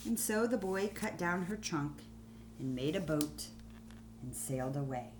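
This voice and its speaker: A woman teacher reading a children's story aloud, deliberate and expressive, with pauses between phrases. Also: sits low, background noise.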